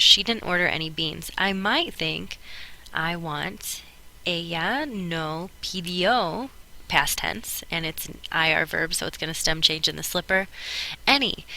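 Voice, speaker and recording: A woman teacher walking students through Spanish grammar exercises step by step, patiently slowing down to sound out the example words. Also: mid-range voice, sharp tone, poor audio. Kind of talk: classroom lesson explaining grammar.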